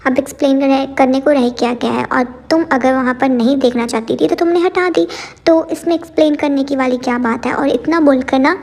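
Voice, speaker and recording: A woman's voice: high-pitched, steady tone, brisk, creaky, a little mellow. A woman casually retelling a drama episode in a chatty, filler-heavy way, mixing in English words. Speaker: drama recap narrator.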